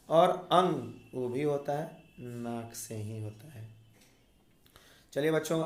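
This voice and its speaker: A man's voice: a little high, darkish tone. A male teacher explaining a grammar lesson to children, repeating sounds aloud and checking in with the class. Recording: echoey room.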